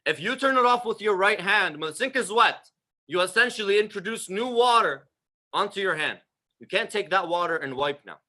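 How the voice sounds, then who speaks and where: A man's voice: high-pitched, expressive, normal speed, bright, forceful tone. A man giving a religious lecture, direct and emphatic, full of rhetorical questions aimed at his listeners. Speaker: religious teacher.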